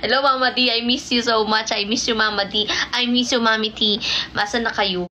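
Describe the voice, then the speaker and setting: Bright, high-voiced playful woman streamer. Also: steady tone, moderate pace, a little hiss or hum, poor audio. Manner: playful and teasing, laughs often. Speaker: livestream host. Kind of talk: casual livestream chat. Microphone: phone mic.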